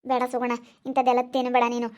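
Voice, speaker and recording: A woman plays a chatty village food-stall keeper in an amateur skit. She talks fast and high in a flat, even run of brisk gossip. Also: lightly acted. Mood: gossipy. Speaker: egg-rice stall owner.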